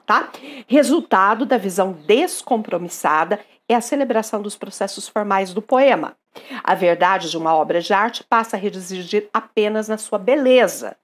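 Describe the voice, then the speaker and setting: A Brazilian woman teaching a literature lesson, emphatic and lively, often checking in with her listeners and reading poems aloud. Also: a little high. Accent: Brazilian Portuguese.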